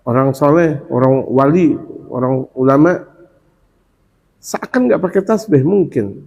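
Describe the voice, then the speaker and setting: A male preacher gives a Ramadan sermon in a lively, colloquial way with humorous asides, often chanting the same devout phrases again and again. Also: mid-range voice, a little slow, vocal fry. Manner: repetitive chanting of dhikr phrases. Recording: dull lo-fi recording.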